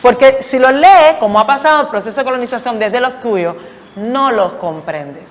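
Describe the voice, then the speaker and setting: A woman giving a reflective academic talk, explaining deliberately and emphatically with searching pauses. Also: a little high, animated. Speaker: academic lecturer. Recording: long echoing hall reverb.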